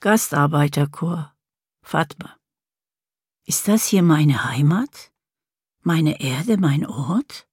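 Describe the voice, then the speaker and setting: A woman narrating a literary first-person story in a slow, poetic manner, sometimes dropping into a whisper. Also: deep voice, expressive, husky, no echo, clean studio sound.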